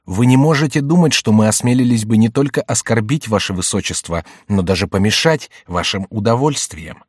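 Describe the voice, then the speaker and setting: A man's voice: lowish voice, a little fast, darkish tone, breathy edge, no echo, clean studio sound. Man voicing a reckless young nobleman. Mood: deferential. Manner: hot-headed, then deferential. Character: reckless young nobleman swordsman, hot-headed.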